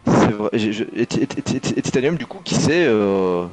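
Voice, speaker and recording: A man's voice: on the low side, lively intonation, normal speed, a little mellow, low-quality recording. A man co-commentating motor racing live, casual, opinionated and mocking.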